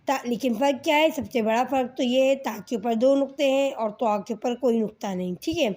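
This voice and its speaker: High-voiced woman teaching Quran letters. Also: a little mellow. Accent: Pakistani Urdu. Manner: slow, patient, repeats sounds and asks "okay children?". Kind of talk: teaching lesson to children.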